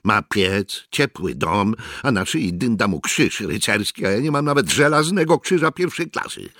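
Mężczyzna czyta, grając zgorzkniałego, pogardliwego sierżanta, który burczy pod nosem i wykrzykuje rozkazy. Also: male voice, fairly low pitch, sing-song, moderate pace, a bit bright, no echo, studio quality, pitched above the performer's own voice, exaggerated voice. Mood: sneering. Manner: grumbling, scornful. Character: bitter resentful male sergeant, sneering.

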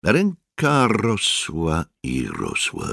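Mężczyzna czytający powieść jako lektor, spokojnie i z namysłem. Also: male voice, deep voice, wildly swooping pitch, vocal fry, a bit bright, no room sound, studio quality. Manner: measured storytelling. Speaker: audiobook narrator. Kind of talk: scripted narration.

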